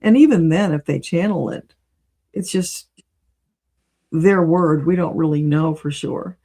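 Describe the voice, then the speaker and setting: A spiritual channeler and reader, appearing as an interview guest, chats in an easygoing, informal way. Her voice is a little low for a woman, very soft and mellow, and a touch slow.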